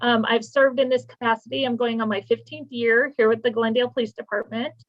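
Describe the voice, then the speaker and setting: A woman's voice: on the high side, steady tone, a little fast, highs cut off. A woman victim services manager introducing herself at an online meeting, eager and friendly. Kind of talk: self-introduction at a virtual meeting.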